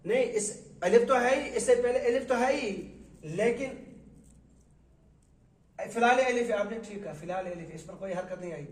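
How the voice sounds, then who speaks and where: A man teaching a Quran reading lesson, reciting letters slowly and quizzing his students. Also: high-pitched. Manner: questioning, drawn-out recitation of letters. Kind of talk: classroom lesson. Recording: echoey room, mic far off.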